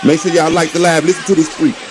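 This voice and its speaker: A man hosting a casual live stream, talking in an animated, mocking way and repeating his phrases for effect. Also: fairly high pitch, fast talker, music in the background.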